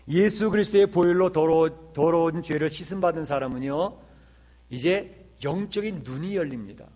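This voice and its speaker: A man's voice: on the high side, normal speed, a little mellow. A male pastor preaching a sermon in an earnest way, with emphatic swells and rhetorical questions.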